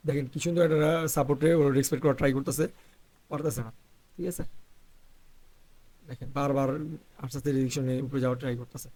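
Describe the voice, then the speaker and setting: A hoarse man who is feeling unwell, talking through live trades as an instructor and checking "okay?" after each point. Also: mid-range voice, flat delivery, fast talker, long pauses, darkish tone. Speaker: trading instructor. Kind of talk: live trading walkthrough.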